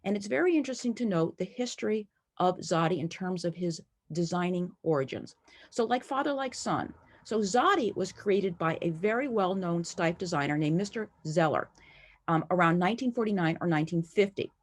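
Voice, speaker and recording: Enthusiastic woman with a husky, low voice. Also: lively intonation, brisk. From United States. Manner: friendly, enthusiastic, lightly playful. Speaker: collector presenting a talk. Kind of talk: prepared presentation over slides.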